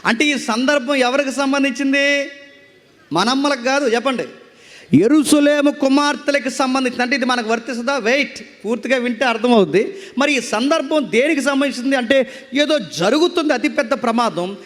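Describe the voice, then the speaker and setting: A male pastor delivers a sermon to his church congregation with a strikingly high voice. He keeps asking rhetorical questions and urging the listeners to answer. His voice rings out with a long reverb trailing through the hall. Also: a little fast, fairly bright tone.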